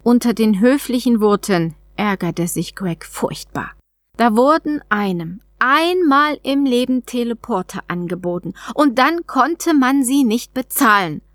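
A woman narrates a children's story aloud, reading in a calm, even manner. Her voice is fairly high, and it sounds dry and close. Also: a little slow, no room sound. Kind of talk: audiobook narration.

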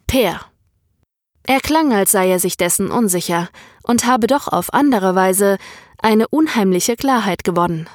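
A woman reading a short story aloud in a calm, measured narration. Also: mid-range voice, dry recording, clean studio sound. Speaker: audiobook reader. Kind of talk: scripted narration.

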